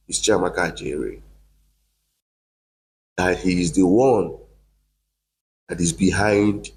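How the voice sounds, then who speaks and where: A man's voice: deep voice, a little mellow, poor audio. A man delivering a heated, accusing monologue to camera, repeating himself for emphasis. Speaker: online commentator.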